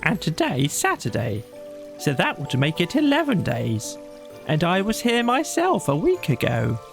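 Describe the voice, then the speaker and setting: A man voicing a busy, matter-of-fact rabbit who explains briskly and precisely in a storybook audio play. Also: fairly high pitch, wildly swooping pitch, vocal fry, faint music behind, pitched above the performer's own voice, exaggerated voice. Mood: defensive.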